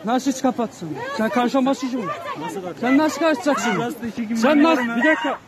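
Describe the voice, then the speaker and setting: Man, defiant, shouting, outdoors, distant camera mic, loud crowd, heavy noise. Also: very high-pitched, animated, normal speed. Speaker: man filming at a protest. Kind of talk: heated argument. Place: outdoors at a rural protest.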